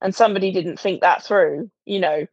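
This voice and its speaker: A woman's voice: lowish voice, brisk, slightly rough, no echo, lo-fi sound. A woman co-hosting a casual tech podcast, asking lots of questions. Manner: questioning, chatty. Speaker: podcast co-host.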